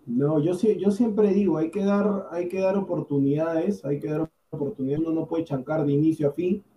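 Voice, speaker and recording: A man's voice: a little high, fairly even intonation, normal speed, mellow. A man with a Peruvian Spanish accent, a football pundit on a podcast panel, arguing insistently and repeating his points. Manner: argumentative, repeats himself insistently. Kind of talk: heated podcast panel debate. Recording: distant, roomy, lo-fi mic with faint noise.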